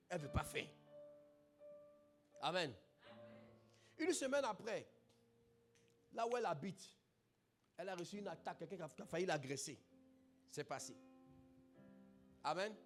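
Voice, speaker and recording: A man pastor, preaching a testimony in an animated sermon, bursting into shouts. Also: high voice. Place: church.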